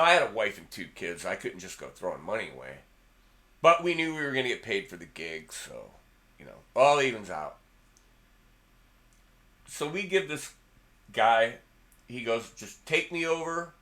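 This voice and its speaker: A middle-aged man with a bright, forceful voice tells a loose, rambling story. He hosts a guitar channel and talks casually to the camera, circling back and repeating words along the way. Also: medium pitch, very animated, moderate pace, pauses often.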